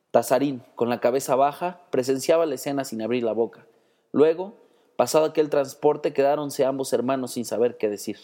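A man narrating a storybook chapter in a measured, storytelling manner. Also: mid-range voice, mellow. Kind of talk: story reading.

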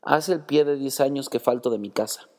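A man's voice: medium pitch, brisk, in a large hall, natural voice. A man doing a gloomy bearded wanderer. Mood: brooding.

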